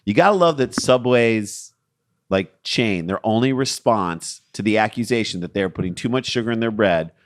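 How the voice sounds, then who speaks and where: A man co-hosting a comedy podcast, riffing sarcastically in quick banter. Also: lowish voice, expressive. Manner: sarcastic, mocking. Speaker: podcast co-host.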